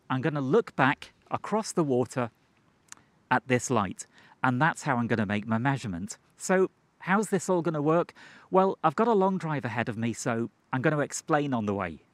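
This man in his forties presents an explanatory vlog, talking in a conversational, methodical way with a mid-range voice. He films both outdoors and inside a moving car, and the clear ambient noise from both settings comes through without any echo.

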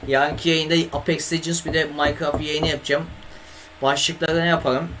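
A man's voice: a little high, flat delivery, moderate pace, noisy background. A young man streaming games live, chatting casually with viewers and grumbling at his computer, from a home setup on a desk microphone. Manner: swears and grumbles at the computer, talks to chat. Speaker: gaming streamer.

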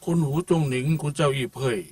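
An actor dubbing a solemn minister in an older film melodrama, speaking in a formal, measured way. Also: male voice, medium pitch, steady tone, a little mellow, dry recording, lightly acted. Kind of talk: Thai dub of a 1960s film melodrama. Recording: dry, distant voice.

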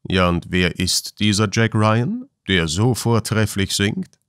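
A man voicing a calm, kindly older male mining engineer who speaks in a measured way, in a storybook reading. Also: on the low side, clean tone, dry recording, clean studio sound.

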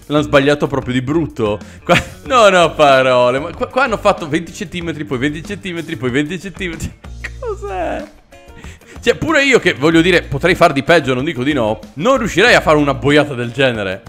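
Male reaction host, fairly high lively voice, sarcastic and exasperated, faint music underneath. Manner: sarcastic, exasperated, mock outrage. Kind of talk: casual comedic commentary.

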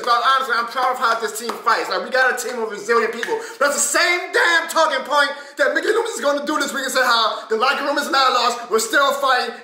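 A man in his thirties hosting a casual sports reaction video in his living room, ranting and swearing with animated energy. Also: very high voice, reverberant. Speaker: host.

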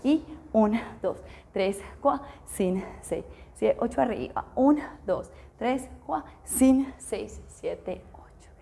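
A woman's voice: fairly high pitch, expressive, slow pace, gravelly, dark tone. A woman teaching a belly dance class, explaining arm and hip moves and counting the beats aloud, often checking in with her students.

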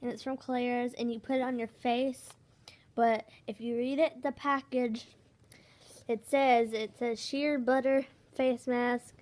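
A young girl, the host's friend, showing her purchases in a casual bedroom video, halting and repeating words as she talks. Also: on the high side, flat delivery, darkish tone. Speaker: guest friend. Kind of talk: casual haul video chat. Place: small bedroom indoors. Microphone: phone camera held nearby.

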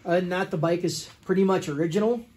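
Young male shop owner, higher pitch, casual matter-of-fact walkaround, handheld phone, indoor workshop. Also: quick pace, a little mellow. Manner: plain, matter-of-fact listing of details with fillers. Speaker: restoration shop owner selling a motorcycle.

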